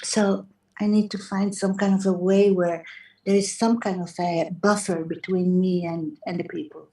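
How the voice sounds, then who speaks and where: A woman's voice: fairly low pitch, little pitch movement, normal speed, mellow. A woman from Hungary, a caller in an online webinar, who speaks hesitantly, stammering and restarting. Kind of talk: casual chat on a video call. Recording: echoey, distant video-call audio.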